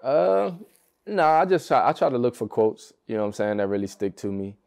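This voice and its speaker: In a brisk, sing-song voice of medium pitch, gravelly and darkish, a young American basketball player talks through a relaxed podcast interview. He's easygoing and laid-back, laughs frequently, and fills his loose sentences with fillers.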